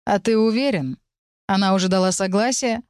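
A woman voicing a young male necromancer who speaks low, restrained and cutting. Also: moderate pace, a little mellow, no room sound, studio quality, lightly acted. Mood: restrained, cold. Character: tense young male necromancer, cool and defiant.

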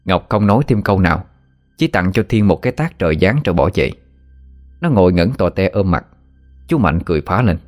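A male storyteller, reading a spooky tale steadily. Soft music plays faintly under his narration. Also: sits low, expressive, a little fast. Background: faint background music.

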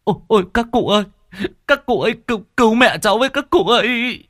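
A man's voice: extremely high pitch, lively intonation, fast, a bit bright, no echo, clean studio sound, pitched above the performer's own voice. A man voicing a distraught young villager, wailing and pleading. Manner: wailing, sobbing pleas.

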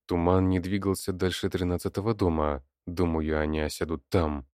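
A gruff older villager reporting what he sees, voiced by a man. The voice is low and plain. It sounds dry and close. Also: little pitch movement, normal speed, darkish tone, no room sound, lightly acted. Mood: matter-of-fact.

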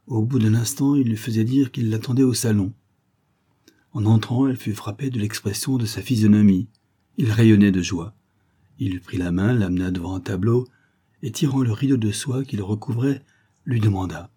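A man narrating a classic short story as an audiobook, in a measured, expressive way. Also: fairly low pitch, breathy edge.

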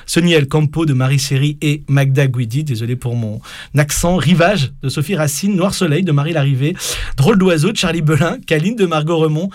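A man hosts a casual radio chat, his voice sitting a little higher than most. He talks haltingly, stopping and restarting his sentences and filling the gaps with hesitations. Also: darkish tone. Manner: hesitant, many fillers and restarts. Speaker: radio show host.

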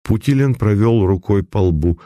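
A man reading a novel aloud as an audiobook narrator, in a measured storytelling manner. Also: fairly low pitch, expressive, warm tone, no echo. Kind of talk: scripted narration.

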